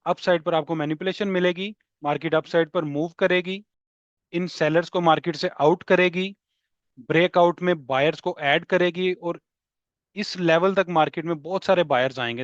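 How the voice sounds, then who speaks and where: A man walks through trading charts in a fairly high voice, repeating key points and checking that his listeners follow. The recording is dry and a little dull, with no room sound. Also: fairly even intonation, moderate pace, no echo. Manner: explanatory, repeats key points, mixes English terms, checks in with "theek hai". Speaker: trading instructor. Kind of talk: explaining charts in a lesson.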